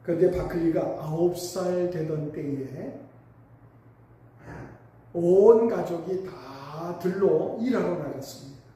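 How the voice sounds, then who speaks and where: A man's voice: on the high side, slow, mellow. A male pastor preaching a sermon, telling a story with emphatic swells. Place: church sanctuary. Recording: echoey church hall, mic at a distance.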